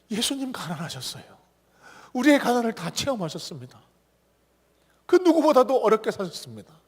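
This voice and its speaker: A male pastor preaching a sermon with passion, moving between hushed whispers and loud, pleading appeals to the congregation. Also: high-pitched, breathy edge, long reverb tail. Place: church sanctuary.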